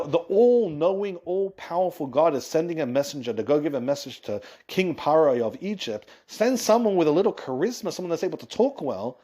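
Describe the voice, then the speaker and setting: A rabbi tells a Torah story with animated energy, often restarting and correcting himself as he goes. His voice is husky and sits at an ordinary pitch for a man. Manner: animated retelling with frequent restarts and self-corrections.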